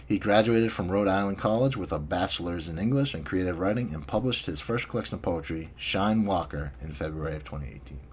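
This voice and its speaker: A man's voice: deep voice, fairly quick, few pauses, slight background noise. A man hosting a small magazine's podcast, chatting casually, swearing now and then, and reading listener submissions and poems aloud. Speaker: magazine host.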